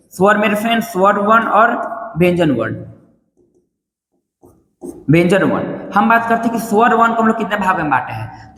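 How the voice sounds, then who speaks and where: A man's voice: sits high, a bit bright. A man teaching a grammar lesson online, asking questions and repeating the answers for his students. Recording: echoey room with long reverb.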